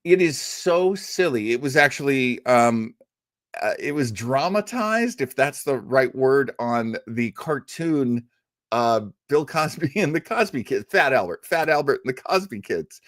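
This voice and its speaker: The host of an old-time radio listening show gives a casual, rambling live introduction like an enthusiastic, chatty storyteller. His medium-pitched voice is animated and fairly bright at a measured pace, recorded as clean studio sound with no echo.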